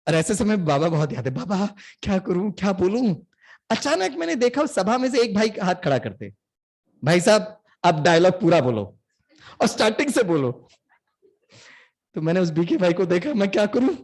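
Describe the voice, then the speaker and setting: A man from India giving a motivational spiritual talk to an audience, telling stories with animated energy, slipping in English phrases and leading call-and-response. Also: high-pitched, moderate pace. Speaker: spiritual speaker.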